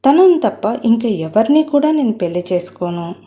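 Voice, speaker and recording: Lady voicing a stubborn young guy, yells and pushes back, mellow tone. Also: on the high side, big pitch swings, moderate pace. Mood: defiant. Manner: shouting, indignant. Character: young man, hot-tempered and stubborn.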